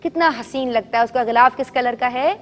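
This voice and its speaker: A woman with a high, bright-pitched voice leads a group of children in call-and-response, asking questions and coaxing them to answer louder. Her voice carries a long reverb from a studio hall. She tells her stories in a gentle, coaxing tone. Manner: quizzes children and has them repeat answers loudly. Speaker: children's show host.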